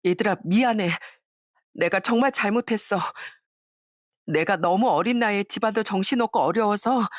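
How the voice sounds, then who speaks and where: A woman voicing a young woman caught in her lies, bright at first, then stammering and pleading. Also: mid-range voice, dry recording, clean studio sound.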